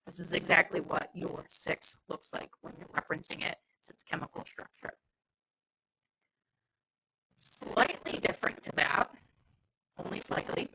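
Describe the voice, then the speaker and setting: A woman's voice: on the low side, a little slow, gravelly, pauses often, breathy edge. Woman on a crackling, cutting-out mic. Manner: steady, methodical explaining. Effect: mic cutting out, fizzling and crackling. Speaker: presenter. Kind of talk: explaining slides in a webinar. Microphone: remote call microphone.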